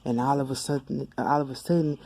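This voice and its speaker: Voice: mid-range voice, steady tone, fast, mellow, low-quality recording. A tarot reader speaking straight to the camera in a loose, colloquial, rambling way, full of fillers, who acts out quoted voices. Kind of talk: casual tarot reading to camera. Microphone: camera mic.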